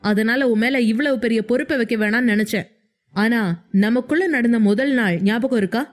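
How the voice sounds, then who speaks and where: A woman's voice: a little high, moderate pace, natural voice. A woman voicing an angry, hurt young husband who argues in heated, insistent questions. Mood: angry pleading.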